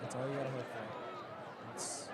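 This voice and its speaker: A man's voice: medium pitch, little pitch movement, measured pace. A man giving conversational live commentary on a football game as the colour commentator. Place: outdoor football stadium. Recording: noisy outdoor stadium, loud crowd.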